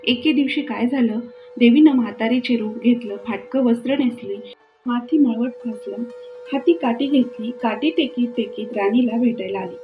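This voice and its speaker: A woman narrating a devotional folk tale in a steady, plain-spoken way. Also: a little high, normal speed, highs cut off, faint music behind. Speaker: storyteller.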